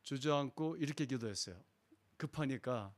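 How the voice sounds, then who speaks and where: A man's voice: medium pitch, moderate pace. Middle-aged male guest speaker, dramatic testimony style, plays the people in his story. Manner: dramatic storyteller, acts out quoted voices. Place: church sanctuary.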